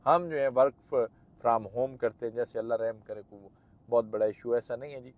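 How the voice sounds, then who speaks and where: A man's voice: fairly even intonation, moderate pace. Persuasive Pakistani Urdu-accented man in a car. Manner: persuasive salesman pitch, emphatic. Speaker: property marketing host. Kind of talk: site-visit vlog commentary. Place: moving car at a construction site, outdoors.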